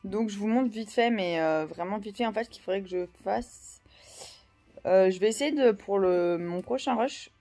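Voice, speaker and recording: A woman's voice: medium pitch, moderate pace, warm tone, soft background music. A woman in her thirties chatting casually in a vlog, rambling with many fillers and restarts. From France. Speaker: vlogger.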